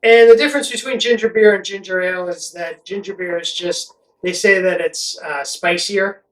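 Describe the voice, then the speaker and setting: With a high, somewhat bright voice, fairly even intonation and an ordinary pace, this middle-aged Connecticut vlog host rambles conversationally while explaining things to camera. The mic is distant and the room echoes.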